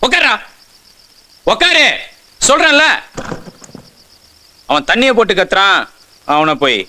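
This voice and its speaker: A man playing an older gang friend who calms a drunk youth. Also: extremely high pitch, a little slow, slight background noise, exaggerated voice. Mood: firm. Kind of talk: fan recreation of a film scene.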